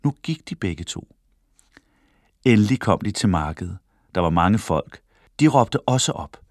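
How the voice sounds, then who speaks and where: A man reading a children's story aloud in an expressive way, close to the microphone. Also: on the low side, dry recording. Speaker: storybook reader.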